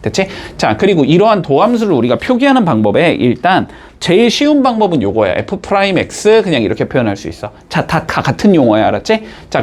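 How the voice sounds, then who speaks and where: Male math teacher, fairly high and animated voice, talks in step-by-step explanations with frequent quick check-ins. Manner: checks in constantly with quick rising tags. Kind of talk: classroom lecture.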